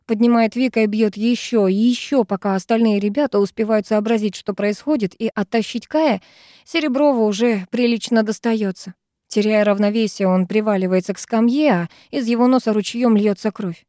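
A woman's voice: mid-range voice, normal speed, warm tone, no room sound, clean studio sound. A woman reading a first-person novel aloud as an audiobook, with dramatic delivery. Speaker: audiobook narrator.

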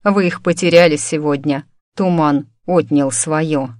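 A woman reading an audiobook voices a self-assured male mentalist investigator who talks in a languid, unhurried drawl. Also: sits low, steady tone, a little mellow, dry recording, clean studio sound. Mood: cool.

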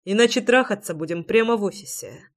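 A woman reading an audiobook voices a brash, teasing adult male lover, speaking low and insistently. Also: expressive, brisk, lightly acted.

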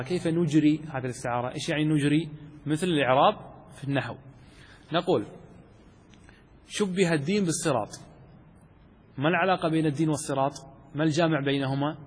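A man's voice: on the high side, breathy edge. A man teaching a class on Arabic rhetoric, asking questions and answering them himself, repeating key terms. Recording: long hall reverb.

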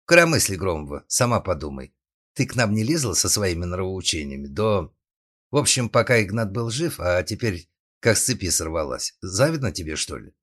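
A man's voice: sits low, sing-song, normal speed, a bit bright, exaggerated voice. A man voicing a brash, tipsy, impulsive young woman in an audiobook, speaking flippantly.

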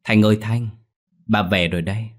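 A man voicing a caring middle-aged father who speaks softly and reassuringly. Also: on the low side, steady tone, normal speed, lightly acted. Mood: calling. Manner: soft, reassuring.

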